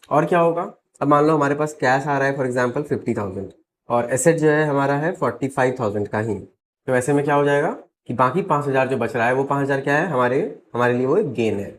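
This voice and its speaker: An Indian accountancy teacher with a mid-range voice, slightly hoarse from a sore throat, gives an explanatory lesson that mixes Hindi and English. He works through the material step by step, checking in with rhetorical questions.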